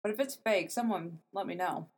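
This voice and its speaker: A woman's voice: on the low side, normal speed, husky. A young adult woman co-hosting a podcast, casually telling a story she looked up, swearing and laughing as she goes. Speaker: podcast co-host telling a true crime story.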